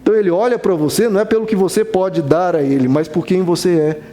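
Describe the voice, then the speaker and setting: A man's voice: sits high, fast, warm tone. A man preaching a sermon as a pastor, earnest and conversational, acting out little dialogues.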